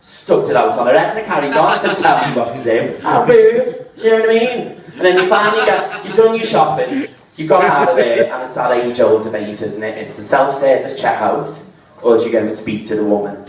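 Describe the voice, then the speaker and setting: A man doing a stand-up set, deadpan at times and rising into exasperated rants. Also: mid-range voice, fairly quick, over a noisy crowd. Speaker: stand-up comedian. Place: comedy pub venue with audience. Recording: echoey room, voice from far off.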